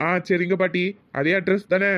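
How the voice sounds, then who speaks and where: A woman voicing a polite young delivery man in a Tirunelveli Tamil accent, obliging and quick. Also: on the low side, little pitch movement, lo-fi sound, close to an everyday voice. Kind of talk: cartoon comedy voice acting.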